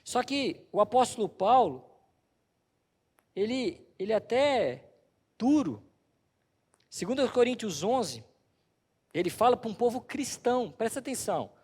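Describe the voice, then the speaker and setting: A man's voice: very high voice, big pitch swings, measured pace, long pauses, darkish tone, breathy edge. A male pastor preaching a sermon in a church, telling stories with emphatic delivery. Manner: storytelling, emphatic. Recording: reverberant church hall.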